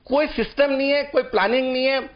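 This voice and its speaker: A man's voice: extremely high pitch, fairly even intonation, brisk. A man speaking as an opposition politician in a heated TV debate, insistent and interrupting. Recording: dull lo-fi broadcast audio.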